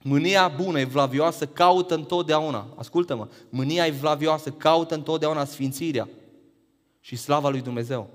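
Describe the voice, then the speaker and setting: A man preaching a sermon, firing rhetorical questions that climb to emphatic peaks and then drop low. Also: big-room sound.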